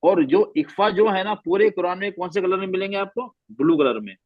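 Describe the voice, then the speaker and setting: A man teaching Quran recitation, patiently repeating sounds slowly to demonstrate. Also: high voice, expressive, no echo, lo-fi sound. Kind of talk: online class instruction.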